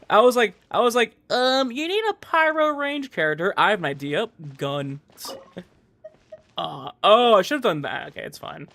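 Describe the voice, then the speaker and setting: A game streamer offers relaxed live commentary while playing, mumbling reassurances along the way. The voice is medium in pitch, animated and slightly bright with a gravelly edge, and the pace is measured. Video game music plays behind him.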